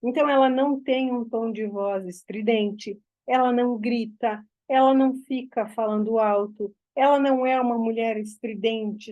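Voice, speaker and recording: High-voiced woman giving direct advice. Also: darkish tone, rough recording. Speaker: mentor. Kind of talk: group mentoring talk.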